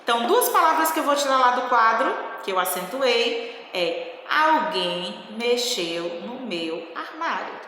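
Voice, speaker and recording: A woman teacher in a recorded video lesson, explaining school exercises slowly and carefully. She stretches out her words as she dictates and keeps checking in with her pupils. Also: a little high, big pitch swings, bright, forceful tone, slight background noise. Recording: echoey room with long reverb.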